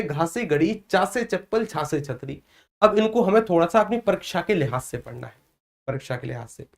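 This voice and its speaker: A man teaching an exam prep lesson on Hindi sounds. He fires questions at his students and answers them himself, repeating each point. He sounds out letters one by one, slowly and drawn out. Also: high-pitched.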